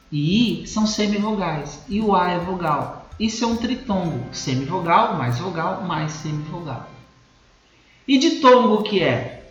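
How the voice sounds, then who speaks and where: A Brazilian Portuguese-accented male teacher with a high, lively voice, explaining step by step and checking in with his class often. The recording is dull and lo-fi, with a roomy echo and faint music underneath. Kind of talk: recorded grammar lesson.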